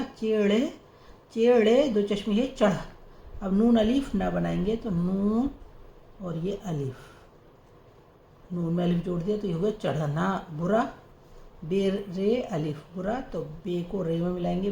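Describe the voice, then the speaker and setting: A woman teaching reading and writing, spelling out each letter and sound slowly and repeating the words. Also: medium pitch, gravelly, warm tone. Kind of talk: slow letter-by-letter reading lesson. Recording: echoey room with faint noise.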